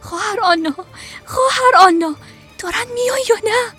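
A desperate young wife from a storybook, voiced by a woman. Her voice sits very high and trembles with pleading and tears. Faint music plays beneath her. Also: animated, fairly bright tone. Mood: anxious calling. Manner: pleading, tearful. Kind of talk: storybook reading.

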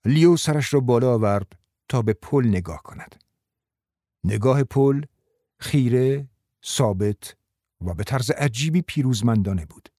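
A man reading a novel aloud in a measured, even way. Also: mid-range voice, dry recording, studio quality. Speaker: narrator. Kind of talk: audiobook narration.

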